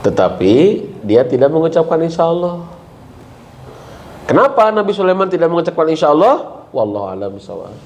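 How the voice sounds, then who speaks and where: A middle-aged man with a Sundanese accent giving a lively Islamic parenting talk, jumping up in pitch for emphasis and often checking with his listeners. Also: a little fast, pauses often. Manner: animated, leaps high in pitch for emphasis, asks the audience questions. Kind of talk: lively religious study talk.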